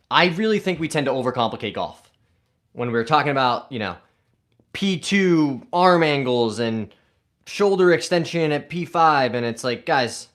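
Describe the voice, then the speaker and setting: A man's voice: a little high, fairly bright tone. A man hosting a golf live stream, casually reading viewer comments aloud and answering them in an upbeat way.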